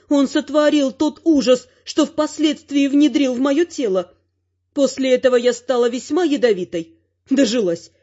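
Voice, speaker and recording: A woman with a high voice reads a first-person fantasy audiobook with a wry, ironic edge. The recording sounds somewhat dull and lo-fi. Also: warm tone. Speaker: audiobook narrator.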